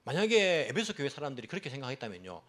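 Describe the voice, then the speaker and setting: A man's voice: medium pitch, big pitch swings, racing, fairly bright tone. A man, a pastor, preaching a sermon earnestly and emphatically, acting out quoted speech as he goes. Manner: earnest, emphatic, acts out quoted speech, rising and falling delivery.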